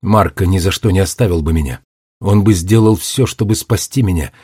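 A man's voice: sits low, a little fast, slightly rough, no echo, clean studio sound. A man reading a story aloud and voicing a young girl prisoner who is bitter and fierce. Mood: despairing. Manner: fierce, bitter, shouting at times.

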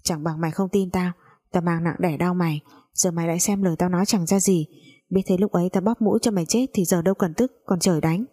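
Woman reading a bullying older mother, foul-mouthed, mellow husky low voice. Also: steady tone, fast talker. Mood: scolding. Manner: coarse, cursing, scolding.

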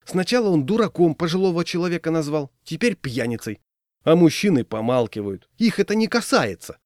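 A man's voice: a little high, expressive, fairly quick, a little mellow, no echo, clean studio sound, voice pushed up, natural voice. A man voicing a prim, indignant lady. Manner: indignant, exclaiming. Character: indignant refined woman, fussy and prim.

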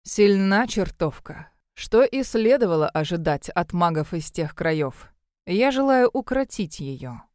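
Woman reading as a gloating domineering shipowner man, smooth voice, dry close sound, audiobook character. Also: lowish voice, animated, a little slow, darkish tone, no echo. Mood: smug. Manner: smug, dreamy, domineering. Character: arrogant scheming male ship owner.

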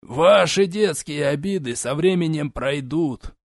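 A man doing an old elf ambassador, condescending, measured and lecturing, a bit higher and slower, dry sound. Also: darkish tone, dry recording, lightly acted. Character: aged male elf ambassador, cold, condescending.

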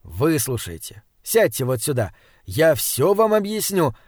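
A man reading a storybook voices a shy, desperate young male artist who speaks low and pleadingly. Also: big pitch swings, measured pace, a little mellow, dry recording, studio quality. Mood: earnest.

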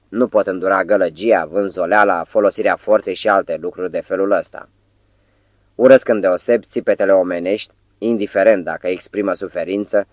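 A man voicing an anxious, gentle middle-aged patient who talks softly and pleadingly. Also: sits low, no echo, lightly acted.

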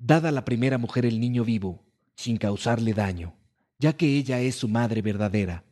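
A stern, wise old king, acted by a man speaks in solemn commands, his voice dark and low. He sounds a little distant from the microphone, as in a storybook reading. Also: moderate pace, natural voice. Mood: commanding.

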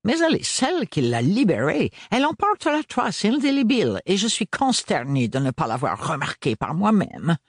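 Man doing an excitable eccentric old scholar. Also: high-pitched, slow pace, slightly rough, no room sound, studio quality, voice pushed up, heavily acted. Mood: delighted. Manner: exclamatory, sprinkles English words. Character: excitable eccentric older male scholar, father.

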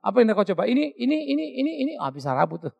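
A middle-aged male pastor preaches a sermon as lively storytelling, imitating voices and laughing at his own anecdotes. His voice sits high with vocal fry and races along, and the sound is lo-fi.

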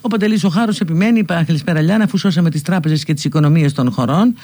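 A sick, feverish woman hosting a radio talk show, teaching and scolding emphatically with sharp swings in pitch. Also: no echo. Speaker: radio host.

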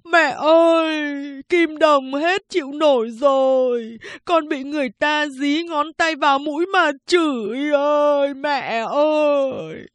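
Brief: woman playing a young man in loud wailing despair, raised pitch, storybook reading, dry room. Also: slow pace, hardly any pauses, dry recording. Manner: wailing, sobbing lament. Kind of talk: audiobook character voice.

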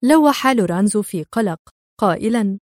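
A woman reads a thriller audiobook in a measured, expressive voice. Her pitch sits in a natural mid range. The recording is close and very dry. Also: no room sound. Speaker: audiobook narrator. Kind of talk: dramatic audiobook narration.

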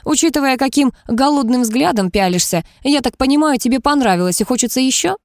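A woman's voice: high voice, animated, a little fast, no room sound, pitched above the performer's own voice. Cold snappy boss guy, woman reading him, sarcastic, dry close sound. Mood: mocking. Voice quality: sharp, sarcastic. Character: curt, cold male company director.

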